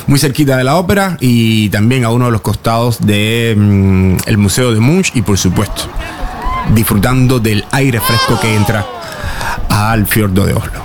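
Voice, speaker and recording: A man giving a live radio report, unhurried and hesitant, with many fillers. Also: lowish voice, music in the background. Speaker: correspondent. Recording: crowd noise behind.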